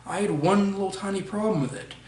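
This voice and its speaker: A man's voice: high voice, fast talker, a little mellow. A young man giving a casual movie review, blunt and profane, often restarting his sentences. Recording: roomy echo, voice far from mic, faint noise.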